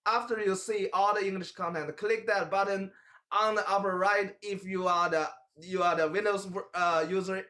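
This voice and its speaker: A young Mandarin-speaking man from China hosts a casual English talk show with a Chinese accent, his bright, forceful voice sitting a little high with fairly even intonation. He speaks haltingly, pausing to search for words and gesturing as he chats at a table in a small room.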